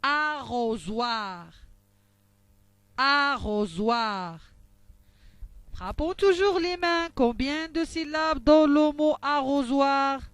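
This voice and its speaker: A woman teaching young children to read, speaking slowly and articulating each sound with care. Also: high voice, dry recording. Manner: slow, carefully articulated, syllable by syllable. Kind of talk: slow phonics lesson for young children.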